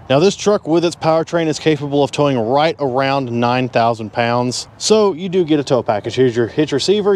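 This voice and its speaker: A man's voice: medium pitch, darkish tone, slight background noise. Folksy man reviewing a truck. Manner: conversational, folksy, pointing things out. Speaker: car reviewer. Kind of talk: walkaround car review. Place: in and around a pickup truck at a dealership.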